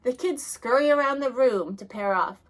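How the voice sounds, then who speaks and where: A woman reading a children's picture book aloud, expressive, going soft and hushed at the sad moments. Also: high-pitched, moderate pace. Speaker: reader.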